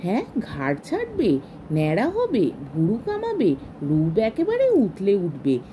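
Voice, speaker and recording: A woman's voice: medium pitch, wildly swooping pitch, a little slow, dark tone, slight background noise, voice pushed down, rough recording. A woman reading a story aloud and voicing a strict, haughty woman who lectures on manners in a scolding way.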